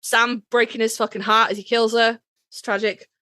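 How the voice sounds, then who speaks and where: Her delivery is flat and sharp-toned, a little high, at normal speed on a dry recording. She's a Yorkshire-accented podcast co-host bluntly giving opinions in a casual ranked countdown, full of swearing and dramatic stress.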